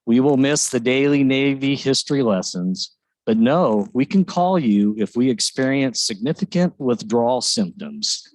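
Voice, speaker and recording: Man, mid-pitched, dry close sound; wry jokes then earnest prepared thanks. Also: lively intonation, a little slow, darkish tone, no echo, rough recording. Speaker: office representative at a retirement ceremony. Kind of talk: informal ceremonial speech with jokes.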